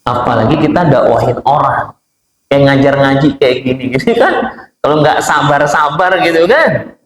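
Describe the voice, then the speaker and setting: A middle-aged man giving a casual conversational sermon, mixing relaxed chatty asides with chanted Arabic verses. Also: fairly high pitch, normal speed. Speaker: preacher. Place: neighborhood prayer room. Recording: echoey prayer room with faint ambient noise.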